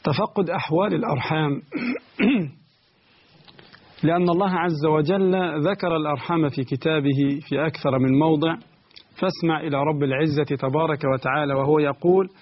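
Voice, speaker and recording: A man's voice: on the high side, fairly even intonation, a little fast, lo-fi sound. A man hosting a religious programme, teaching in formal standard Arabic in a didactic way, with rhetorical questions and repeated key phrases. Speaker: host of a religious programme, preacher.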